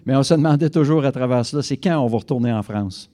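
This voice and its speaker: A man's voice: medium pitch, quick pace, warm tone. A man interpreting a guest speaker's talk into French for a church congregation, fluent with occasional self-corrections. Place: church service.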